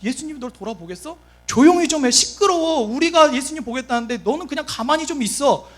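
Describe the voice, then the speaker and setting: Preacher playing an annoyed crowd, scornful and hushing, bouncy pitch. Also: male voice, animated, fast, faint music behind. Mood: scolding. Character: scolding crowd of annoyed bystanders.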